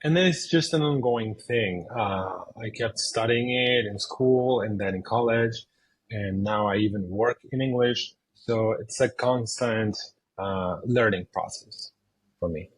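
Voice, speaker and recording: A man from Chile in his thirties, a video game designer answering interview questions in English, pausing often with fillers and restarts. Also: fairly low pitch, a little hiss or hum, rough recording. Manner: hesitant, many fillers and restarts.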